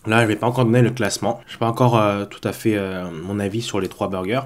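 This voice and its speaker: A man's voice: lowish voice, steady tone, fast. A man with a stuffy, blocked-nose voice from a cold, chatting casually and a little hesitantly to camera as he hosts a food vlog at home. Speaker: host of a mukbang food review vlog.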